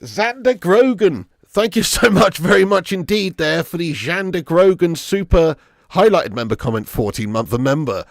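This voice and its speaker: Animated, high-pitched British football streamer guy. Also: normal speed, dry recording, clean studio sound. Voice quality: raspy, smoker's laugh. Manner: animated, sweary, blokey, matey address. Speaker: football watch-along live streamer. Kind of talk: live match commentary and casual chat with viewers.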